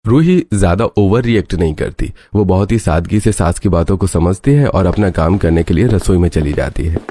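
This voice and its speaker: A man narrating a cartoon story in a steady storytelling style. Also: low voice, moderate pace. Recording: faint background noise.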